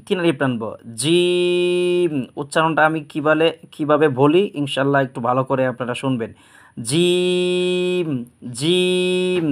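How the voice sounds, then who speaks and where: Man slowly drawing out Arabic letters. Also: fairly high pitch. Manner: slow, drawn-out letter demonstrations repeated three times; plain instructive explaining with frequent pious phrases. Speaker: Quran teacher. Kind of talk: Arabic alphabet lesson.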